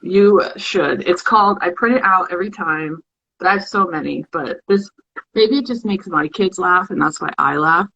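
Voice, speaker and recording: A woman's voice: on the low side, moderate pace, vocal fry, sharp tone, husky, dull audio. Casual woman host of a live-stream show, playful and chatty, on a phone or webcam mic. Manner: chatty and playful, reading a fill-in word game aloud.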